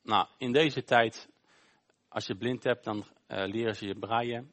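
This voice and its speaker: A male pastor gives an informal sermon during a church service. He tells a Bible story conversationally, often pausing on "eh". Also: lowish voice, steady tone, a bit bright. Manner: informal, storytelling, with frequent hesitations.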